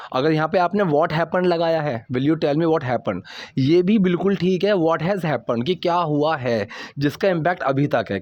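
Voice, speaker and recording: Man teaching English, slow deliberate examples. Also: on the high side, a little mellow, no echo, muffled recording. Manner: explains patiently, reads English lines slowly and deliberately; casual, checks in with "ठीक है?" often. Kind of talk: Hindi-language English lesson explaining subtitle lines.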